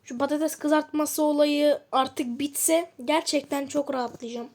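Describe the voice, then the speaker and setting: A woman's voice: high-pitched, steady tone, unhurried, darkish tone. A woman giving casual commentary while playing a game, chatting and muttering to herself with frustrated outbursts. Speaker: gamer.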